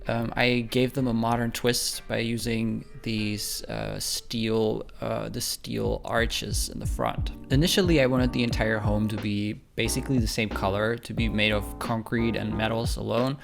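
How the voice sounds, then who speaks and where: A man's voice: fairly low pitch, steady tone, unhurried, gravelly, hardly any pauses, over music. A man hosting a home-building game video, talking casually over the footage with a friendly, apologetic manner and many ums. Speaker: speed-build video host.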